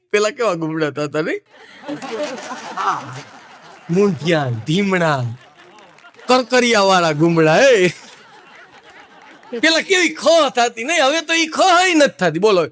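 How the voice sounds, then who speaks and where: A middle-aged man with a Kathiawadi Gujarati accent, telling funny folk anecdotes on stage and acting out the people in them. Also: high voice. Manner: lively folksy storytelling, acts out the people in his stories. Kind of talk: live stage storytelling.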